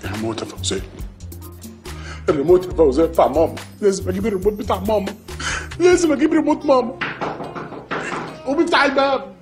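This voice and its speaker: A woman's voice: medium pitch, animated, rapid-fire, long pauses, over music. A woman with an Egyptian accent acting in a comedy sketch, with whiny, childish outbursts. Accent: Egyptian Arabic.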